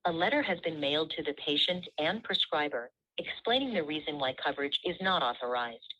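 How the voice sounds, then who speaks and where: A woman's voice on a recorded automated phone menu, heard over a speakerphone, reading prompts in a measured, polite way. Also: low voice, expressive, bright, forceful tone. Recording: muffled speakerphone audio.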